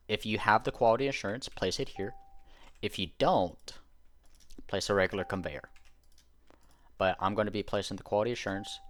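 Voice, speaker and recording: A man giving a casual game tutorial, explaining step by step and correcting himself as he goes. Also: low voice. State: hiccuping. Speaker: gaming YouTuber.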